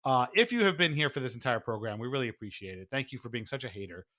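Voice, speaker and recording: On a sports podcast, a male co-host with a medium-pitched, sharp voice talks fast with lively intonation. He's wry and amused in the casual hockey fan chat, which includes mock-dramatic readings.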